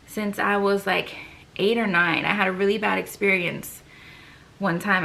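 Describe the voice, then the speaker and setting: A woman's voice: medium pitch, gravelly, pushed and bright. A young woman vlogger chatting casually to camera, out of breath, with lots of fillers and sighs.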